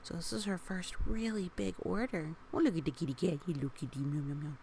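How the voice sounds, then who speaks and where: A woman with a deep voice reads a children's story aloud a little fast, gently and encouragingly, tossing casual asides to young listeners. Her creaky voice often softens toward a whisper, with faint background noise in the recording.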